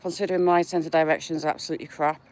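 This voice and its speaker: A woman's voice: low-pitched, steady tone, racing, darkish tone. A woman with a northern English accent, chatting to her viewers by name while walking outdoors in the countryside. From England. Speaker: vlogger. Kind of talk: casual live-chat walk vlog.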